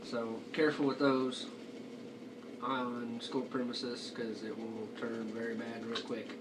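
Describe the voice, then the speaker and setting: A man's voice: medium pitch, flat delivery, takes it slowly. A young man giving a casual review as he chats, talking with a lip full of dip. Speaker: amateur product reviewer. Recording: noisy, distant home video microphone.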